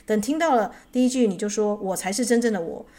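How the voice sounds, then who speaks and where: A woman's voice: mid-range voice, animated, fast talker, a little mellow, natural voice. A woman voicing a stubborn, weary middle-aged male knight who protests indignantly in a spoken storybook. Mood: protesting.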